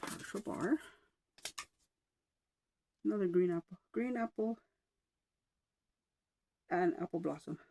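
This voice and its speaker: A woman vlogger chatting casually at home, rambling a little with sighs and soft asides, slightly out of breath. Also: fairly low pitch, slow pace, vocal fry, pauses often, poor audio. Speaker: wax melt vlogger. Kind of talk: casual chat. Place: home room with oil diffuser.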